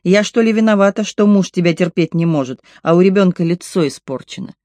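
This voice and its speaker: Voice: medium pitch, animated, brisk, a little mellow, dry recording, natural voice. A reader voicing a crude, mocking neighbour woman in an audiobook. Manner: rude, mocking. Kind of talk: audiobook reading.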